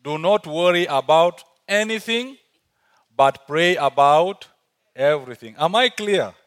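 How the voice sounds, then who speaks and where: Preaching at a fairly high pitch, this South Sudanese-accented guest speaker sounds animated and a bit bright while keeping a measured pace. His church sermon is earnest, with important phrases repeated for emphasis.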